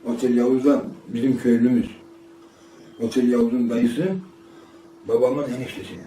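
A man's voice: mid-range voice, fairly even intonation, normal speed, warm tone, a little hiss or hum. An older man from northeastern Turkey telling a rambling life story in casual chat, acting out the voices of the people in it and often repeating himself. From Ardahan, northeastern Turkey. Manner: rambling, acts out quoted dialogue, repeats himself. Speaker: storyteller being interviewed. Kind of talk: casual spoken memoir. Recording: roomy, distant mic, faint ambience.

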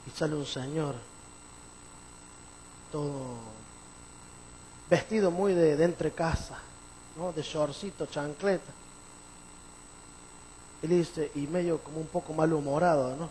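A man pastor preaching a sermon, telling a story with animated swings and emphatic rises. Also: a little high, measured pace, long pauses, a little hiss or hum, low-quality recording.

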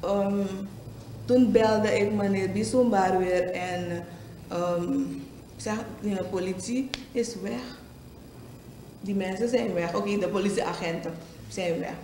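A woman's voice: mid-range voice, fairly even intonation, slow pace, mellow. A woman interviewed for a news report, recounting events hesitantly with fillers. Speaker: company employee interviewed. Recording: echoey with faint background noise.

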